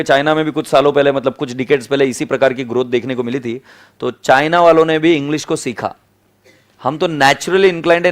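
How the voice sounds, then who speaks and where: Teasing Indian classroom lecturer. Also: male voice, fairly high pitch. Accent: Indian English. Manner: chatty Hindi-English mix, teasing and scolding students. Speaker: accounting lecturer.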